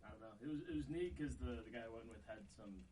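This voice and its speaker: A man's voice: medium pitch, fast, mellow, a little hiss or hum, rough recording. A young man, a podcast guest, telling an easygoing story in a chatty way. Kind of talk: casual chat.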